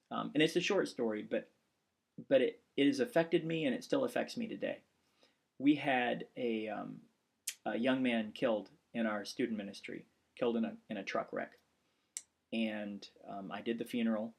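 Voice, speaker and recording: Gravelly husky guy in his 40s, pastor type teacher rambling earnestly through class announcements. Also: medium pitch. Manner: rambling, earnest, with many restarts and fillers. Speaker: instructor and pastor. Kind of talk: casual course announcement video.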